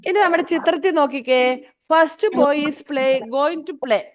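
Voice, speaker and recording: A woman with a high voice and a Malayali accent teaches English to young children in an online class. She draws out her English words very slowly, then rattles off explanations in Malayalam. She calls on the children by name to coax them along. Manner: slow, drawn-out English, then quick switches into Malayalam explanations.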